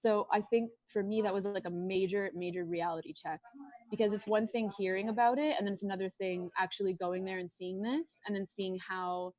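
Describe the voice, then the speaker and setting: A woman's voice: medium pitch, steady tone, a little fast, darkish tone, no echo, poor audio. Woman, film crew member, dry close sound, rambling answers full of fillers. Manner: rambling, many fillers and restarts. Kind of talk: festival Q&A answer.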